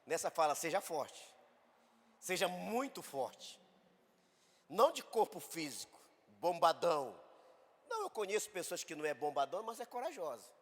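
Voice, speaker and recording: Lively, high-voiced Brazilian pastor preaching. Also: male voice, moderate pace, long pauses, slightly rough, long reverb tail. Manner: animated, acts out voices in quotes. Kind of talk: sermon with storytelling. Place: church hall.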